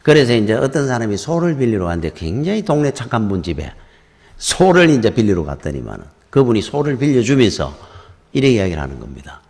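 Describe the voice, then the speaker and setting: A fast-talking middle-aged pastor with a lowish, creaky voice and a Gyeongsang Korean accent preaches a conversational sermon packed with stories. He's lively, and the church hall is reverberant.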